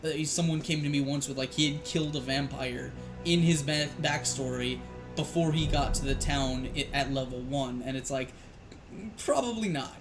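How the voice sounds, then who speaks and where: A man's voice: medium pitch, normal speed, music in the background. A man, a dungeon master, chatting casually on a live show, rambling with frequent restarts and fillers.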